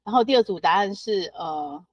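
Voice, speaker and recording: A woman hosting a casual podcast interview, chatty and quick to laugh. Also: medium pitch, lively intonation, no room sound. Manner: chatty, reads out listener comments with laughs. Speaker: podcast host.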